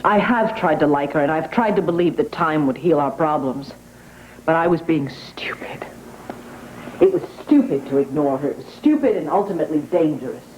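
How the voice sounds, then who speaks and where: A woman's voice: deep voice, lively intonation, moderate pace, a little mellow. An actress playing an anxious, earnest wealthy woman who owns a newspaper, in a 1980s TV soap opera, heard from a worn VHS tape copy. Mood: troubled. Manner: earnest, troubled, speaks plainly and directly. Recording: dull, hissy worn VHS tape audio.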